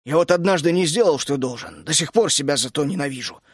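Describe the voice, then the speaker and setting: A man doing a grumbling gruff uncle. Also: fairly high pitch, quick pace, no room sound, clean studio sound. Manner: grumbling, scolding, bursts out hotly. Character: grumpy gruff middle-aged male dragon keeper. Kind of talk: audiobook character voice.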